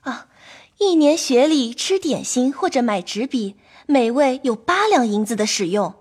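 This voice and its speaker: Woman doing a nervous servant lady in an audio drama, high voice, very humble. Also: animated, unhurried, slightly rough, full character voice. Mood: deferential. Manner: deferential, apologetic. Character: timid servant woman reporting to her mistress.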